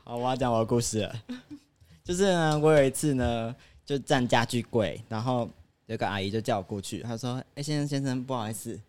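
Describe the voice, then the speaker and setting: A man's voice: mid-range voice, brisk, a little mellow. A young man with a Taiwanese Mandarin accent, teasing and telling a story in casual chat. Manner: playful, teasing.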